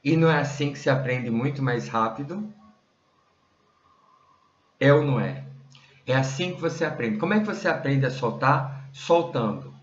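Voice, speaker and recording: A man teaches a meditation method directly to the viewer in a conversational style packed with tag questions. His medium-pitched voice is expressive, at a moderate pace with long pauses. The recording sounds roomy, dull and lo-fi.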